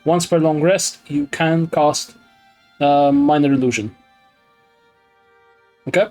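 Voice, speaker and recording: Casual swearing game master. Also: male voice, fairly high pitch, steady tone, takes it slowly, mellow, soft background music. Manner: casual, explains rules, swears freely. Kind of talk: narrating a tabletop game.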